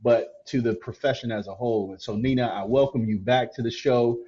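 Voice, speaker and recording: A man from Canton, Ohio, hosting a podcast in casual chat, relaxed and repeating words as he starts his sentences. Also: medium pitch, fairly quick, breathy edge, highs cut off. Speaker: podcast host.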